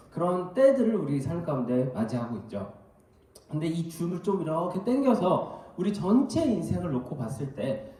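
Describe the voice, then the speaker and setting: A man preaching a sermon as pastor, telling everyday stories in an animated way. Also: high voice. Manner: animated storytelling with anecdotes. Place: church hall. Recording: very echoey hall, mic at a distance.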